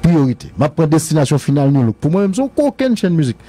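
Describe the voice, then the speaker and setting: A man's voice: a little high, big pitch swings, fast talker, warm tone. A man with a Haitian accent rambling through a casual radio-show debate about music, repeating his phrases and laughing often. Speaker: music commentator.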